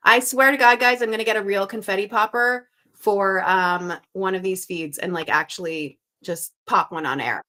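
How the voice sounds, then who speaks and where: A bright-voiced Canadian woman from Montreal hosts a live crossword stream, chatting casually and reading viewer guesses aloud. She's upbeat and chatty, thinking out loud in a mid-range voice at normal speed.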